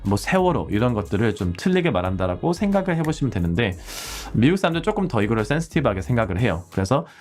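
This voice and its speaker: A man's voice: mid-range voice, big pitch swings, quick pace, hardly any pauses, a little mellow. A Korean-born man in his forties teaching English conversation casually, acting out heated street exchanges. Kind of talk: casual English lesson with role-play examples.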